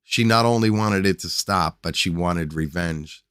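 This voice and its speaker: A low-pitched man reading a dark short story for his podcast, steady and measured, stumbling now and then on a word. The recording is dry and close, with no room sound around him. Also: clean tone, dry recording. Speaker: podcast host and story reader. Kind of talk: scripted short story narration.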